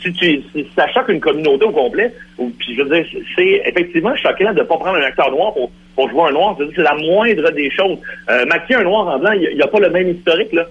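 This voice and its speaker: A man's voice: a little high, expressive, fast, husky. A man with a Quebec French accent, a radio guest arguing insistently in a heated debate. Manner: insistent, argumentative. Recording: lo-fi radio broadcast.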